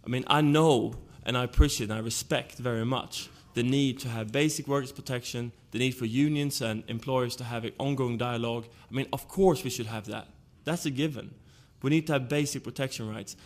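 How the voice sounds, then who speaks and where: This is an argumentative panel talk by a Swedish-accented man from Sweden who works through his points one after another. He speaks deliberately and in a measured way, at a mid pitch for a man.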